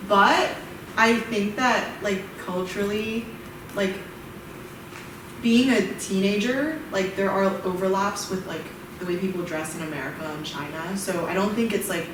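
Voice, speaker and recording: A young woman student sharing her views in a casual group discussion, thoughtful and full of fillers. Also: medium pitch. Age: young adult. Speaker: student participant. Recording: echoey room, distant mic, background noise.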